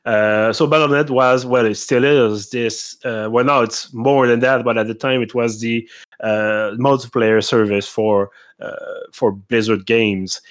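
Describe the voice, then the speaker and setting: A man co-hosting a podcast in casual chat, thinking aloud with frequent pauses. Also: medium pitch, steady tone. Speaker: podcast co-host.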